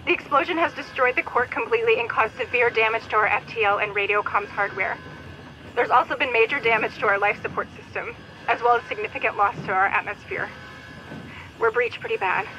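A woman playing a young mother who pilots a cargo starship, talking warmly and apologetically in a recorded message. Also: mid-range voice, background noise, lightly acted. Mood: urgent. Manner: warm and apologetic.

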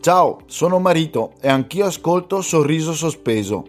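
A man's voice: a little high, lively intonation, moderate pace, faint music behind. A man with a Lombard accent from northern Italy giving a casual, colloquial, jokingly resigned listener promo. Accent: Lombard, northern Italian.

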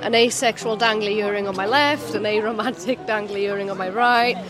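A woman's voice: medium pitch, a little fast. A woman in her twenties with a South Wales Valleys accent, chatting casually in an interview. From Merthyr Tydfil, south Wales. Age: 20s. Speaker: Pride attendee being interviewed. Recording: outdoor event with music behind. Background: music at an outdoor event.

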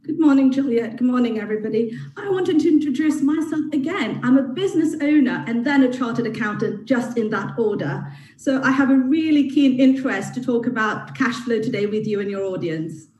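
A woman's voice: fairly high pitch, fairly quick, mellow. A woman accountant on a panel, explaining her points in order over a video call. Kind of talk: panel discussion. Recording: dull roomy video call audio from far.

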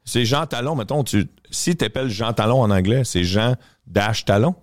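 A man's voice: mid-range voice, moderate pace, no echo, studio quality. A man with a Quebec French accent, a comedian guest on a casual podcast, telling stories animatedly and swearing casually.

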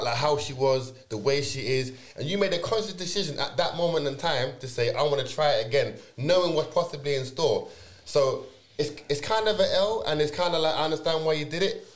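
A young man with a London accent and roadman slang, chatting casually on a podcast. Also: on the high side. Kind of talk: casual chat. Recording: echoey, roomy sound.

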